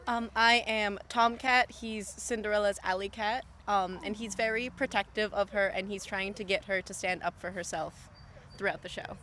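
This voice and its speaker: A woman from a theatre cast talks easily about her part, mid-pitched. Faint outdoor ambience is heard behind her. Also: steady tone, moderate pace, pushed and bright, slight background noise. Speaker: cast member. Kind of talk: casual interview answers.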